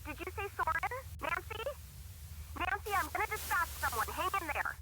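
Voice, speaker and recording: An actress voicing a young woman helper in a game, heard over a phone call that keeps breaking up, urgent and hurried. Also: very high-pitched, expressive. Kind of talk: game voice acting. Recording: crackly noisy phone line.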